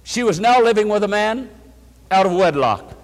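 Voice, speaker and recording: A man's voice: sits high, expressive, normal speed, big-room sound. A male preacher giving an emphatic sermon, calling his listeners friends and leading them through verses together.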